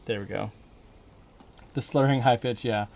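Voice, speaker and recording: An American man of medium pitch gives casual live-stream game commentary. He rambles informally, thinking out loud as he plays. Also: measured pace, a little hiss or hum. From northern Minnesota, USA.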